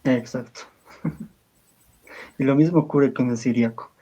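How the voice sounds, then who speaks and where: A man on a live stream explaining liturgical languages in casual talk, pausing often to search for words and reading sample prayers slowly. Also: mid-range voice, fairly even intonation, warm tone, muffled recording.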